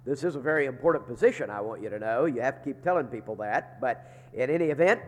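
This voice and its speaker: The speaker is a middle-aged man leading a seminary, making chapel announcements with a folksy, joking manner and plenty of "uh." His mid-range voice is quick and lively in intonation, though a sinus infection makes him sound congested, as though inside a barrel. The large chapel adds long reverb and a faint hiss or hum.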